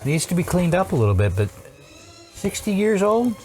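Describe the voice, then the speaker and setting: This man is a vintage audio repair technician, bantering casually while he works with his hands: he thinks aloud, poses questions, and teases in a dry way. His voice sits high and sounds mellow and sing-song, moving at a moderate pace over faint background music.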